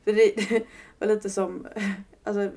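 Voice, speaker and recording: Young woman with a gravelly voice, candid. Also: medium pitch, flat delivery, warm tone. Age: 20s. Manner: candid and searching, many fillers, laughs at herself. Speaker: podcast guest. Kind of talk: casual podcast conversation.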